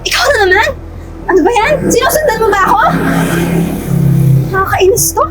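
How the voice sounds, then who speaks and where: An actress playing a snobbish, spoiled young woman who whines and sneers, in a low-budget web drama. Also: lively intonation, normal speed. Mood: disdainful. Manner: shrill, scornful, whining complaints. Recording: echoey room with loud background music.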